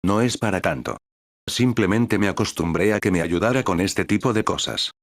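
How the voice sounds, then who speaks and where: A male reader voicing a stubborn, teasing young woman who runs a guild tavern, in an even synthetic read. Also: low-pitched, moderate pace, dry recording, clean studio sound.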